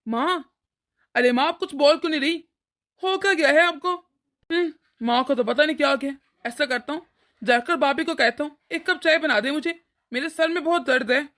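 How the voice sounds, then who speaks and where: A woman voicing an irritable elder brother in an animated cartoon, speaking in an annoyed, lecturing way. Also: high-pitched, normal speed. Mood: irritated. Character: irritable elder brother, adult man, short-tempered.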